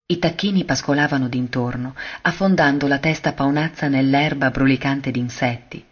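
Male narrator for a classic story reading: husky, mid-pitched, measured, dull lo-fi sound. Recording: dull lo-fi recording.

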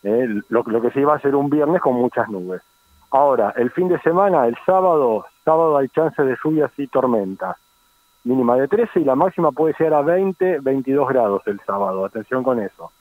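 A man's voice: mid-range voice, lively intonation, moderate pace, no echo. Argentine weatherman on a phone-like line. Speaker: weather forecaster. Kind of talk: conversational weather report. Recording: thin, phone-like radio call.

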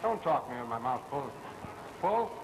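A brash streetwise fence. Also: male voice, mid-range voice, sing-song, normal speed, creaky. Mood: conspiratorial. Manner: tough street slang, blunt and pushy. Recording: hissy old film soundtrack with long reverb.

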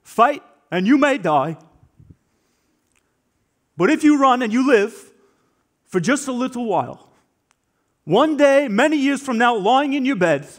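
Rebel leader rallying his men, big impassioned battle speech, high voice, pastor putting it on. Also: full character voice. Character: rousing medieval Scottish rebel leader, man.

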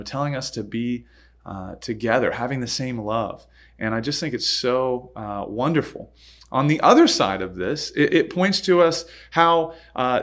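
Man, Bible study leader, relaxed and chatty, lots of "uh"s, reads scripture then unpacks it. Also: fairly high pitch. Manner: conversational, with frequent "uh" fillers and self-corrections; reads scripture aloud, then explains it informally. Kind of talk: casual Bible study teaching.

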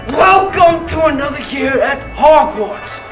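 A woman voicing an old male headmaster giving a grand, slow welcome speech. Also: high-pitched, expressive, faint music behind, voice pushed up. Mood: ceremonious.

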